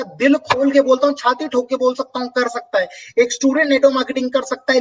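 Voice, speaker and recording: A man's voice: very high-pitched, distant mic, poor audio. A man hosting a motivational business talk and answering viewer comments, speaking emphatically with rhetorical questions.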